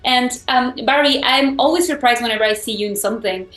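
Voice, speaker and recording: A woman's voice: a little high, brisk, fairly bright tone, echoey room, faint music behind. A woman interviewer asking actors questions in a chatty, enthusiastic way. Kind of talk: entertainment press interview.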